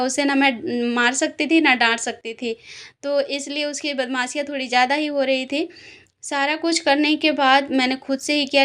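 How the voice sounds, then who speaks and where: A young mother narrates her vlog in a high, fairly bright voice. Her casual voice-over is chatty and rambling, full of fillers, and she sounds tired from a headache.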